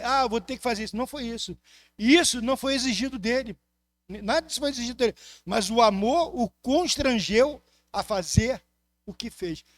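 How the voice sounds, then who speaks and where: A man with a Brazilian Portuguese accent preaches a sermon as a pastor, impassioned and swinging between loud emphasis and soft asides. His voice is high, and the recording is dry.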